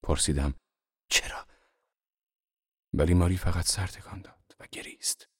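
A very deep-voiced man reads a novel aloud in a calm, measured way. The recording is dry and close, with no room sound around him. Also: husky, no echo. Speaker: narrator. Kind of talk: audiobook narration of a novel.

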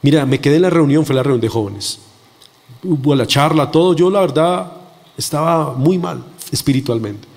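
A man's voice: a little high, moderate pace, gravelly, darkish tone. Earnest male preacher in an echoing hall. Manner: earnest and emphatic, acting out quoted voices. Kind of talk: sermon with personal testimony. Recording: long echo of a large hall.

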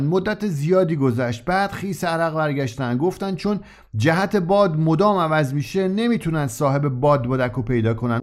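Male storyteller, slightly high voice, reading scripted narration as a child. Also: a little mellow. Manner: tells the story in a child's first-person voice.

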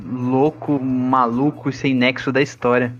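A man's voice: mid-range voice, little pitch movement, a little slow, dull audio. A man with a Brazilian accent joking along in casual chat.

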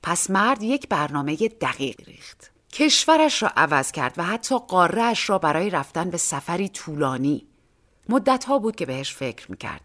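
A woman's voice: fairly low pitch, very animated, fairly bright tone. A woman narrating a short story for an audiobook, reading expressively and acting out the dialogue.

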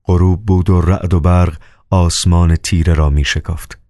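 A man narrating a novel as an audiobook, with a measured, solemn reading. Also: low voice, fairly even intonation, mellow, no room sound, studio quality.

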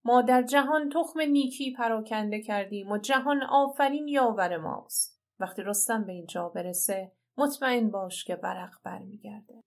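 A woman voicing a male warrior hero who calmly reassures a comrade in a story. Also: medium pitch, few pauses, lightly acted. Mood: reassuring. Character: steady young male hero comforting a comrade.

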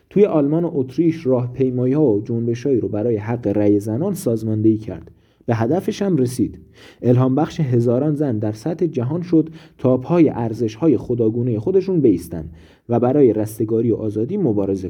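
A male storyteller narrates a scripted tale in a measured, dramatic way. His voice is very dark and mellow, with a husky edge. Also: medium pitch.

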